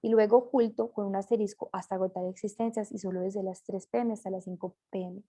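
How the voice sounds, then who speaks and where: Mellow-voiced woman explaining logical fallacies. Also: mid-range voice, steady tone, fast talker. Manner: reads aloud with small slips and self-corrections. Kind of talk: reading a class presentation.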